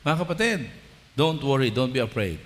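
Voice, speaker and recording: Guy preaching a sunday sermon, mid-pitched voice, long hall echo, keeps calling on the congregation. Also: big pitch swings, moderate pace. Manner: exhorting, prompts the congregation to respond; retells stories with quoted dialogue. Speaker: bishop preaching.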